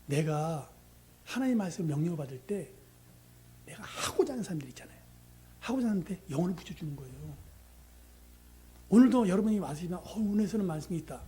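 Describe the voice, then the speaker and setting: A middle-aged man preaching as a pastor, telling a story with animated delivery and acting out the prayers and dialogue in it. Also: sits high, brisk, long pauses, slight background noise. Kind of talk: sermon with storytelling.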